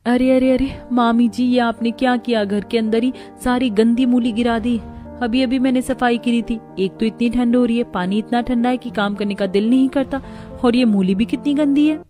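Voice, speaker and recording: A woman's voice: a little high, fairly even intonation, moderate pace, mellow, soft background music, natural voice. A woman voicing young daughters-in-law in a cartoon family story, chatty and complaining.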